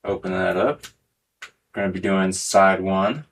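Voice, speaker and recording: Hosting a tech demonstration video, a man with a slightly low voice speaks casually and at a measured pace as he works hands-on. The recording is clearly noisy, with faint noise and small clicks behind his words.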